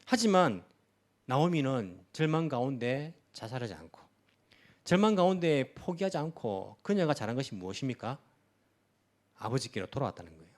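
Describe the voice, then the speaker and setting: Pastor guy preaching in church, kinda high voice, keeps asking the congregation questions. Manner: animated preaching with many rhetorical questions to the congregation. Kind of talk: sermon. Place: church sanctuary.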